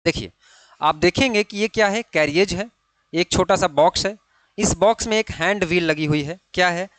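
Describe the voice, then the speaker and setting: Male lecturer, slightly high voice, dry close mic, repetitive question-and-answer teaching. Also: fairly bright tone, no echo. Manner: frequent checking tags, repeats key terms. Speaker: ITI fitter exam teacher. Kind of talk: online classroom lecture.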